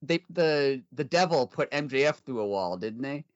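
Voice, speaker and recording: Male co-host, casual chat, animated, dry close audio. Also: medium pitch, moderate pace, no room sound. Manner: animated, laughs often, ranting. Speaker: podcast co-host. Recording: dry, dull lo-fi sound.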